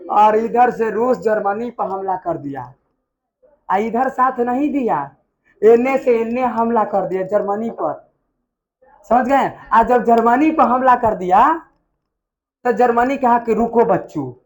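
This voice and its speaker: Speaking slowly in an extremely high-pitched voice, a man teaches history to a class. He's lively, constantly quizzing his students with call-and-response questions and having them answer back.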